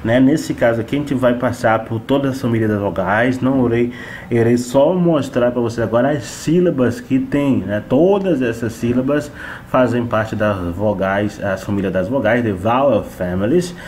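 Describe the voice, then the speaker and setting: A man teaching English phonics to Portuguese speakers, repeating sounds and words slowly one by one. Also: medium pitch, darkish tone, a little hiss or hum. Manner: slow, drawn-out repetition of sounds and words.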